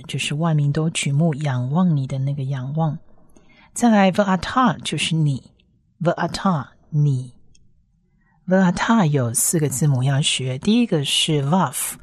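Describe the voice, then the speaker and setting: A woman with a deep, low voice leads a pronunciation lesson, patiently repeating each sound so learners can follow. The recording is dry, with no room echo. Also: a little mellow. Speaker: Hebrew teacher.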